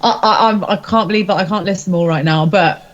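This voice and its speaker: In a casual chat, this rock singer rambles and giggles informally as an interview guest, speaking a little fast in a mid-range voice. The sound quality is lo-fi.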